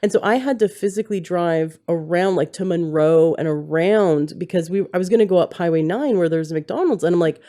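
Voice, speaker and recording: A woman's voice: fairly low pitch, fairly quick, few pauses, mellow. A woman hosting a podcast, telling a personal story in an earnest, rambling way that restarts and corrects itself, recorded at home with a handheld mic. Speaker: podcast host. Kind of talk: candid conversational interview. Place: home setting, husband holding the mic.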